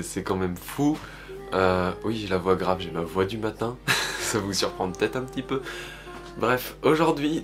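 Guy in his 20s, casual vlog chat at home, bit of music in the background. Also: lowish voice. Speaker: YouTube vlogger. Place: indoor room at home.

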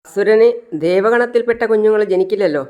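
Recap vlogger, mid pitch, filler-heavy retelling with quoted dialogue. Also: fast talker, a little mellow, clear, resonant tone. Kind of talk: casual story recap narration.

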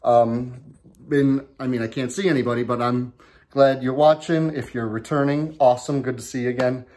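A man's voice: medium pitch, steady tone, normal speed, a little mellow. Casual rambling guy vlogging from his garage. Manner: rambling, lots of ums and restarts. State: out of breath. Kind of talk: casual vlog chat. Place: home garage. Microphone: handheld camera.

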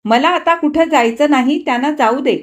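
A woman voicing a fussy, stubborn young wife who chatters quickly and scolds. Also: high voice, pitched above the performer's own voice, close to an everyday voice. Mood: irritated.

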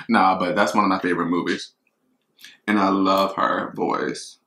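A man's voice: deep voice, unhurried, sharp tone. Chatty mukbang guy, echoey kitchen. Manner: chatty, rambling, talks to viewers as y'all. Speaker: mukbang vlogger. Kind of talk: casual chat while eating. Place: kitchen at home.

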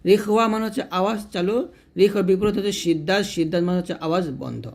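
Male recitation teacher, fairly high voice, patient, repetitive demonstrations. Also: gravelly. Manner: slow, repetitive, demonstrates letter sounds; addresses viewers directly. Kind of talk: tajweed lesson.

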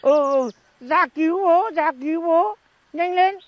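A man's voice: very high-pitched, a little slow, highs cut off, slight background noise. An actor playing a frail old village father, pleading over the phone for help. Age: older.

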